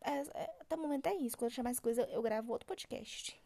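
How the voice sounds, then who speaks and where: A young woman hosting a solo podcast, ranting in an exasperated, animated way and mimicking other people. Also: a little high, quick pace. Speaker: podcast host.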